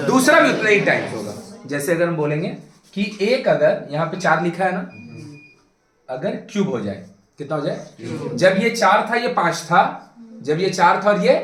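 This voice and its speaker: Animated male math tutor, echoey room. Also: on the high side. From India. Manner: animated, coaxing students to pay attention; mixes English phrases into Hindi explanation. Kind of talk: classroom lesson.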